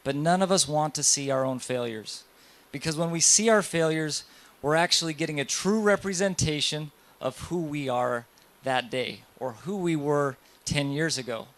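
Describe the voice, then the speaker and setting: A man in his thirties lectures a roomful of dentists, his voice sitting a little high for a man. He tells stories with plenty of swing and puts questions straight to the audience. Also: normal speed. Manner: lively storytelling, addresses audience directly. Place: lecture hall.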